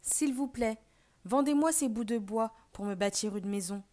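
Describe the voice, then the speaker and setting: A woman's voice: on the high side, normal speed, dark tone, lightly acted. A woman voicing a small, polite male piglet in a storybook reading for learners, asking nicely and then refusing firmly. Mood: polite pleading.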